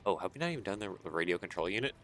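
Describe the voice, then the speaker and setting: Deep-voiced tired man thinking aloud. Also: racing. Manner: thinks aloud, chuckles often, relaxed rambling. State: tired, yawning. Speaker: game streamer. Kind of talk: casual gameplay commentary. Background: soft background music.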